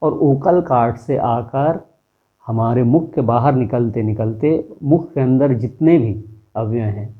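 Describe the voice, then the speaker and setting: A man's voice: mid-range voice, measured pace, narrow, tinny audio. A man teaching a lesson, explaining step by step and posing rhetorical questions to his viewers. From India.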